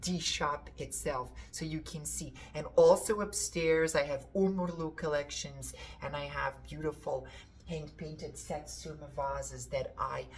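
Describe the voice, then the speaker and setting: A woman's voice: sits low, fairly even intonation, a little slow. A woman from Portugal with a Portuguese accent, chatting enthusiastically and rambling a little as she shows pieces from her shop. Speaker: antiques seller. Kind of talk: casual show-and-tell.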